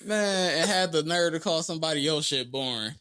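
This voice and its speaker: A man's voice: fairly high pitch, expressive, brisk, pushed and bright. A man co-hosting a podcast in casual chat, laughing often as he talks. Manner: laughs often, reads track list aloud. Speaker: podcast co-host.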